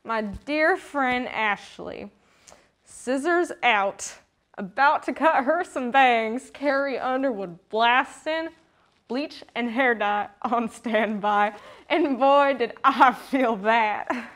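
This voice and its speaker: A woman's voice: fairly high pitch, takes it slowly, a bit bright. A woman playing a folksy rodeo queen with a put-on Southern country drawl, full of homespun sayings and calling people honey. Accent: put-on American Southern country. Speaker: guest character.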